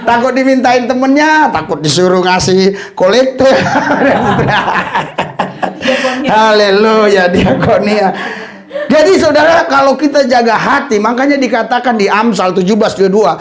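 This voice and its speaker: A man's voice: high-pitched, normal speed. A male pastor giving an informal, joking sermon who laughs often and acts out the people he quotes. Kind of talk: lively sermon with jokes and anecdotes.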